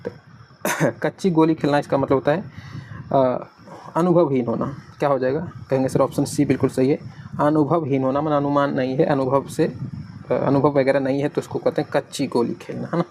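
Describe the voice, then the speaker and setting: A man's voice: mid-range voice, steady tone, moderate pace, a little mellow, slight background noise. A man teaching an exam-prep lesson, explaining patiently and asking and answering his own questions.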